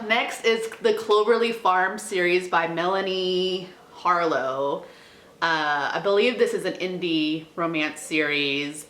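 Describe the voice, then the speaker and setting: Recorded in an echoey, untreated room, this small-town woman in her young adult years vlogs about books, offering chatty recommendations with a giggly, self-deprecating manner. Her voice sits on the lower side and has a sharp edge.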